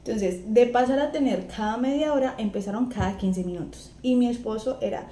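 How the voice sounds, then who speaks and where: A woman's voice: a little high, brisk, slight background noise. A young woman with a Colombian accent, chatting casually as she tells a personal story and acts out what others said. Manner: chatty, animated retelling with acted-out quotes. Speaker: vlogger. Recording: echoey room, faint ambience.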